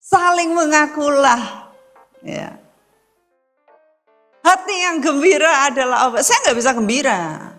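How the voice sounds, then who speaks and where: A woman pastor delivers a sermon in a high, clear voice at an unhurried pace. She tells a personal story, stressing words loudly and then dropping to hushed asides, with Javanese phrases slipped in. Faint music sits underneath. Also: lively intonation. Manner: emphatic, swinging between loud stresses and hushed asides.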